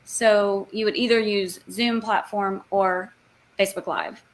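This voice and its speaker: A woman host on a video call, talking through questions in a loose, chatty way. She keeps restarting her sentences as she explains. Her pitch sits in the middle range. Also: fairly even intonation, unhurried, slight background noise. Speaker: yoga teacher hosting an online training.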